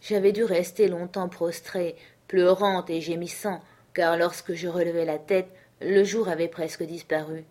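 A woman narrating a literary audiobook in a measured, earnest storytelling manner. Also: fairly low pitch, fairly even intonation, dark tone. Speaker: audiobook reader.

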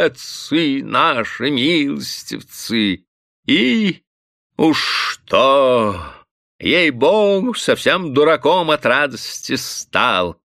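A gushing old drunk steward. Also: male voice, mid-range voice, vocal fry, a bit bright, dry recording, studio quality, voice pushed up, heavily acted. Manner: sing-song, tearful, gushing. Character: fawning drunk old male village steward.

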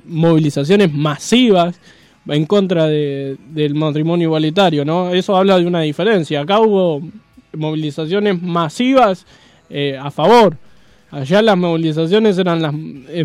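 A man's voice: on the high side, darkish tone, clean tone, no echo. A man with a Rioplatense accent co-hosting community radio, talking casually with many hesitations. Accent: Rioplatense Spanish. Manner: hesitant, many fillers and restarts.

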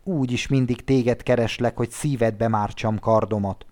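A man's voice: mid-range voice, steady tone, darkish tone, close to an everyday voice. A reckless, defiant man hurls a bold challenge, as a male narrator reads him. Plain in tone and daring in manner, he speaks within a classic audiobook tale.

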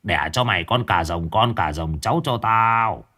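A man's voice: on the low side, lively intonation, normal speed, pushed and bright. A man voicing a cackling vengeful old sorcerer. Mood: gloating. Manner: gleeful cackling, menacing taunts.

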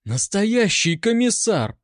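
A man putting on a shrill defiant young woman soldier. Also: very animated, measured pace, no room sound, studio quality. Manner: shrill, indignant shouting. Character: defiant young female Red Army gunner.

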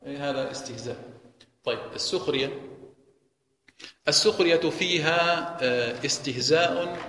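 A man's voice: a little high, moderate pace, fairly bright tone. A man giving a religious lesson, asking and answering his own questions. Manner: explains by posing and answering rhetorical questions. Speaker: Quran teacher. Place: mosque hall. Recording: echoey reverberant mosque hall.

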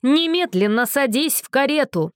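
A woman's voice: sits high, lively intonation, moderate pace, no echo, clean studio sound, pitched above the performer's own voice. A woman voicing an enraged, stout middle-aged mother who roars and scolds. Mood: furious. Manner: roaring, scolding.

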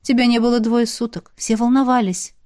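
A woman voicing a calm, caring young demoness who speaks in a matter-of-fact way. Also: on the high side, a little fast, lightly acted.

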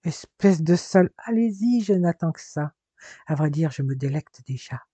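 A man's voice: a little high, animated, moderate pace, warm tone, breathy edge, no room sound. A man voicing a menacing male swindler who taunts with a gun, sneering and gloating. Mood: taunting.

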